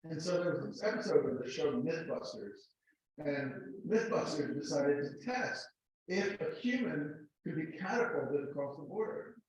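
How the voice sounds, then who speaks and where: A man's voice: on the high side, expressive, moderate pace. A man, an author and artist, talking casually at a seminar, repeating words and using many fillers. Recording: very echoey room, distant mic, slightly dull.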